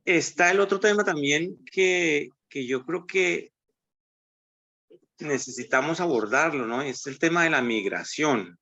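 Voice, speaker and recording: A man's voice: on the high side, unhurried, bright, forceful tone, highs cut off. A man from Colombia with a Colombian accent, speaking as a university academic in a conversational panel, thoughtful and hesitant, often ending with "¿no?". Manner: thoughtful, hesitant, many "¿no?" tags.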